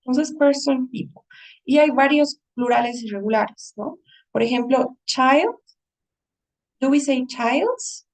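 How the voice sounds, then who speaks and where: High, gravelly-voiced woman teacher. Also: slow pace, distant mic, low-quality recording. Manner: patient, checks in with "¿no?". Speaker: English teacher. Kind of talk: online writing lesson, explaining.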